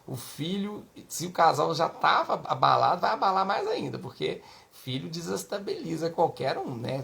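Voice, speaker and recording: A man's voice: fairly high pitch, fairly bright tone. A man with a Brazilian Portuguese accent, a pediatrician giving parenting advice in a chatty way, full of tag questions. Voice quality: creaky. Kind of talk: casual advice talk.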